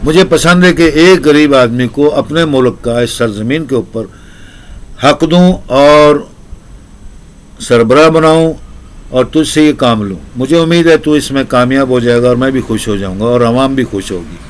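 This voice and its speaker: A man's voice: mid-range voice, lightly acted. A man voicing a wise, generous king who lectures and praises a poor laborer in long, repetitive lists. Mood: lecturing. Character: generous wise old king, kindly and commanding.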